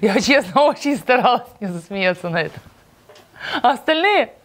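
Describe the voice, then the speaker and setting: A woman's voice: mid-range voice, expressive, quick pace. A woman talking casually and unscripted, amused and stifling giggles.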